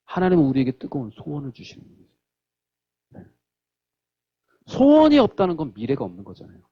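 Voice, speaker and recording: A man's voice: on the high side, fairly quick, husky, highs cut off. A male pastor preaching a sermon in a church, telling stories and acting out the quotes. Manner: animated storytelling, acts out quotes.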